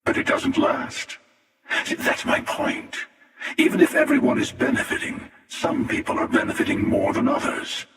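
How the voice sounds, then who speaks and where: A man playing The Hunter, a cynical, menacing older villain in a video game, with a breathy rasp and a slow, sardonic, world-weary delivery. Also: very high voice, huge pitch swings, fairly bright tone, heavily acted. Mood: cynical musing. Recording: long echoing reverb, distant from mic.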